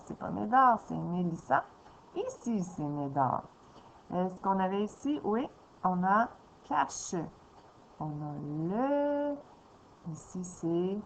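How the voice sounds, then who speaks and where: A woman, a teacher walking a young child through a reading lesson slowly and patiently, step by step. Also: on the low side, slight background noise. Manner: slow, patient, explaining step by step. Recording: dull lo-fi sound with faint ambience.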